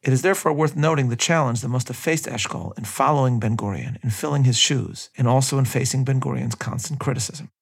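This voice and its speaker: A man reads a scripted history narration in a gravelly, creaky voice at a mid pitch. He moves at a measured pace and breaks in now and then with his own view. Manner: measured reading with personal asides. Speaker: history podcast host.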